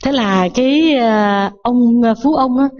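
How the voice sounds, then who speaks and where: A woman's voice: fairly high pitch, unhurried, a little mellow, dull audio. A Buddhist nun giving a sermon, telling a parable and asking her listeners rhetorical questions.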